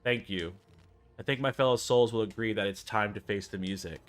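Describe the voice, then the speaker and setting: A man voicing a confident young male scientist from a video game, speaking in a measured, formal, persuasive way. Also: lowish voice, natural voice. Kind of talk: video game character dialogue read aloud.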